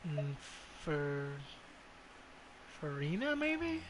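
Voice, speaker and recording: A video game streamer with a slightly high, sing-song voice talks very slowly over game music and background noise. His casual commentary is blunt and full of swearing, and he often mutters to himself.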